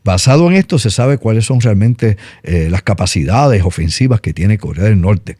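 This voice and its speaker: A man's voice: on the low side, animated, normal speed, mellow, no echo, clean studio sound. A middle-aged Puerto Rican man with a Puerto Rican accent, explaining world politics in a casual, emphatic talk-show style. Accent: Puerto Rican Spanish. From Puerto Rico. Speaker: news commentator.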